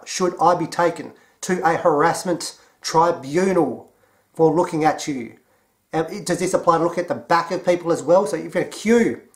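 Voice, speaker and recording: A man with an Australian accent giving a mocking, deadpan commentary. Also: fairly high pitch. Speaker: commentary vlogger. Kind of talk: sarcastic commentary.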